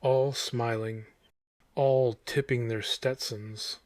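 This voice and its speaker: A man's voice: medium pitch, fairly even intonation, takes it slowly, a little mellow, no echo. A man narrating a scripted horror story in the manner of a vintage horror narrator, in short, suspenseful phrases.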